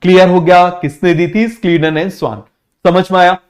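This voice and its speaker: A man's voice: high voice, steady tone, normal speed. A man teaching biology in an online exam-prep lecture, quizzing students with repeated questions and mixing in English science terms. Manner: drills students with repeated call-and-response questions; mixes English science terms into casual talk.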